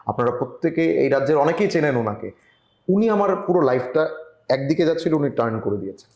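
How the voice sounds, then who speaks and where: A man from Tripura, India, giving earnest advice as a journalist guest in an online interview, often pausing and restarting. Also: a little high, expressive, a little mellow, echoey room. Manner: earnest, advising, with frequent hesitations. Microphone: video call.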